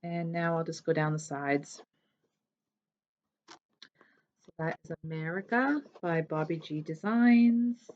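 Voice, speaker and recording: A woman's voice: deep voice, takes it slowly, long pauses, darkish tone, highs cut off. A woman chatting casually as a cross-stitch vlogger, rambling a little and correcting herself as she goes. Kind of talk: casual show-and-tell chat.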